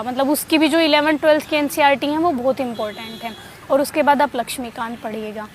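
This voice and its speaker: A woman's voice: high-pitched, slight background noise. A woman giving casual, conversational study advice with frequent fillers and restarts, as someone who passed the exam.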